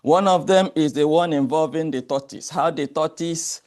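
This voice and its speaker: A man presents at an academic conference in a measured, explanatory way. His voice sits a little high for a man, and he keeps things orderly, slide by slide. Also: darkish tone. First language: Igbo. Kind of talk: academic presentation with folk tale.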